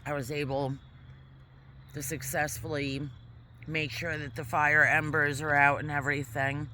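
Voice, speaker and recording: Bright-voiced woman chatting outdoors. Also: sits low, little pitch movement, measured pace, a little hiss or hum. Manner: chatty, rambling, eating while talking. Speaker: vlogger. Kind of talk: casual vlog chat. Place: outdoors in a quiet park. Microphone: camera mic.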